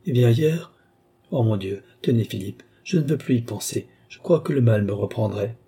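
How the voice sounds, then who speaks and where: A man's voice: medium pitch, animated, normal speed, gravelly, dark tone, slightly rough, full character voice. A man voicing a frail, nervous young noblewoman in an audiobook, talking in a breathless, insistent way. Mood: pleading. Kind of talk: audiobook character reading.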